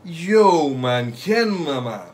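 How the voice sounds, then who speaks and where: Young adult male reaction host, somewhat high voice, casual street slang, repetitive excitable exclamations and loose swearing. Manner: casual street slang, like "yo", "fam", "bro", "no cap"; repeats short phrases rapidly, swears freely. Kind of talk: excited live reaction commentary. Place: small bedroom or home room, indoors.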